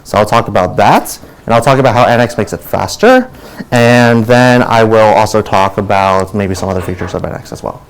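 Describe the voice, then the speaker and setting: A man presenting an informal tech lightning talk at a meetup in a rushed, colloquial manner, often checking in with "right?". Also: animated, low-quality recording. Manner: rushed, keeping it high level.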